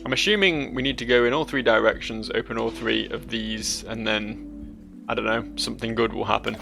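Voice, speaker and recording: Very gravelly man doing game commentary. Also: fairly low pitch, fairly even intonation, a little fast, sharp tone, faint music behind. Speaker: gaming video host. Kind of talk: casual let's play commentary.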